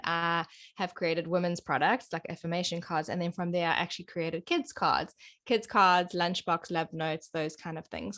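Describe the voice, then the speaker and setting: South African woman, thirties, somewhat low voice, earnest guest telling her story. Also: a bit bright. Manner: earnest, enthusiastic, laughs between points. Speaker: podcast guest, yoga and self-love coach. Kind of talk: casual interview answers.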